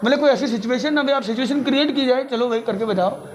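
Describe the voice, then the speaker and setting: A man's voice: extremely high pitch, quick pace, a crowd in the background. A man giving a live motivational talk to an audience, playful and often laughing as he mixes Hindi with English phrases. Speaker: spiritual speaker addressing an audience.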